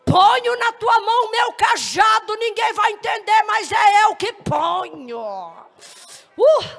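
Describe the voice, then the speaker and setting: A woman playing a shouting high prophetic voice of God, slow and grave, gravelly, big reverberant hall. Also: full character voice. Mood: commanding. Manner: loud, slow, commanding proclamation. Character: stern divine voice prophesying through a woman.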